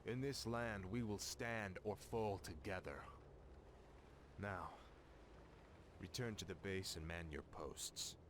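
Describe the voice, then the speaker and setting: An actor playing a proud, driven young warrior prince in a video game, commanding and intense. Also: male voice, low voice, slow pace, noisy background. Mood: stern, commanding. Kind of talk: video game character acting. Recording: music behind the voice.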